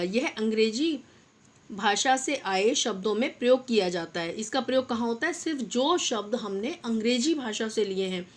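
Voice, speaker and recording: A young adult woman teaching a Hindi grammar lesson to young children, patiently repeating example words slowly and addressing her pupils fondly. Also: a little high. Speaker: primary school teacher.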